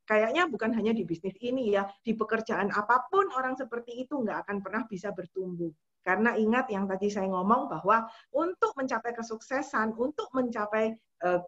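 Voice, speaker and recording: Energetic lady giving a pep talk, talks quick and clipped, kinda muffled lo-fi audio. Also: mid-range voice. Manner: fast, punchy and energetic, acting out quoted thoughts. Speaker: insurance agency leader giving a motivational talk. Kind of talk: motivational talk to an audience.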